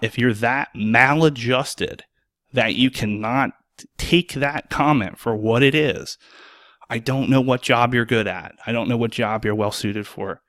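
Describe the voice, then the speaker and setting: A man's voice: medium pitch, fairly bright tone, no echo, clean studio sound. A man hosting a solo podcast as an EMS worker, speaking bluntly and sarcastically and swearing freely.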